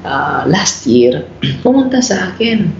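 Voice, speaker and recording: Slow-talking priest, echoey room. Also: male voice, vocal fry, slight background noise. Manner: animated storyteller, mixing English into Filipino, frequent "bro" and "no?". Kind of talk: conversational teaching in a talk show. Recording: roomy, dull low-fi sound.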